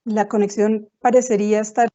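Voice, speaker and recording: A woman's warm, muffled voice breaking up over a choppy video call, her words cutting in and out as she presents formally and with measured pauses. The connection drops syllables and the sound is dull and low-fidelity. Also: little pitch movement. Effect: choppy, breaking-up video call audio. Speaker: webinar presenter. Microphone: computer mic on a video call.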